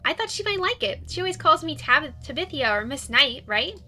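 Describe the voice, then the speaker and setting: A woman's voice: high voice, very animated, brisk, sharp tone, soft background music, pitched above the performer's own voice, exaggerated voice. A woman voicing a cheerful, caring, bubbly young woman in a visual novel, with a perky, encouraging way of talking.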